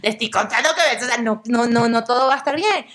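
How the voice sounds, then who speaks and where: A young Venezuelan actress, appearing as a guest, chats casually in an interview in a fairly high voice and talks fast. She tells lively stories and acts out the voices of the people she quotes.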